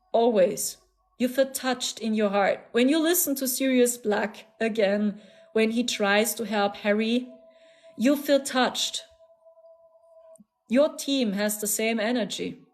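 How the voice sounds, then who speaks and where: On her casual live stream, a spiritual channeler with a German accent talks earnestly and soothingly, repeating things and giving many small laughs. The voice is slightly high with a darkish tone.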